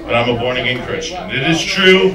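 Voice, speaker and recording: A man's voice: mid-range voice, very animated, brisk, distant mic. A man doing a rambling, self-mocking stand-up routine full of crude jokes. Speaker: stand-up comedian. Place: comedy club stage. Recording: roomy club sound from afar with crowd. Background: audience laughter.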